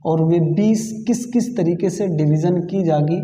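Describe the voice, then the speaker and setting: A man teaching an exam-prep grammar lesson, explaining slowly and repeating key points with pauses. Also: sits high, warm tone. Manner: slow, repetitive explaining with pauses. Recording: echoey room with long reverb.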